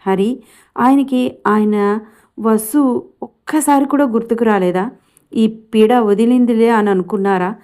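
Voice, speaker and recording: A woman's voice: a little high, measured pace, pauses often, darkish tone, lightly acted. A woman voicing a grieving middle-aged mother who was left by her husband, speaking in a sorrowful, resigned way.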